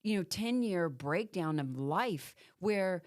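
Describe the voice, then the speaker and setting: A woman's voice: on the low side, animated, takes it slowly, a little mellow, dry recording, clean studio sound. A middle-aged woman co-hosting a podcast, explaining things in an earnest, sympathetic way. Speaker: podcast co-host. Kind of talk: casual podcast chat.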